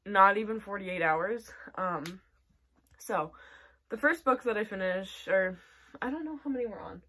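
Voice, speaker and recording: A woman's voice: medium pitch, fairly bright tone. A young woman chatting casually about the books she read this month, with lots of "like" and "um" and some laughter. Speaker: book vlogger. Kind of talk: casual monthly reading wrap-up.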